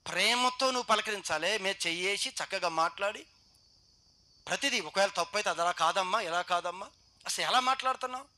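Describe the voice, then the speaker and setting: Man, Telugu accent, pastor, youth sermon, piercing bright tone, exhorting, loud and quiet by turns. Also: high voice. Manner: exhorting with rapid rhetorical questions, swings between loud and quiet.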